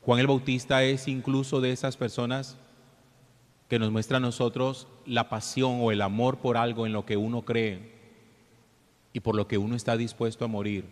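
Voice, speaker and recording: Male priest, scripture and homily delivery, measured solemn manner, cathedral echo with long reverb. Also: medium pitch, level tone. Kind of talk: Gospel reading and homily. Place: large church interior.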